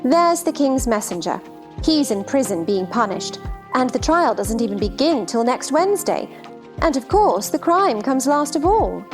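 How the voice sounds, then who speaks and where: A giddy, scatterbrained queen, pitched high and swooping all over. She is fussy and fluttery, helpless yet insistent, in theatrical storybook style. Faint music plays behind her. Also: big pitch swings, normal speed. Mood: airy, matter-of-fact. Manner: fluttery, nonsensical insistence, crying out. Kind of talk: theatrical children's storybook drama.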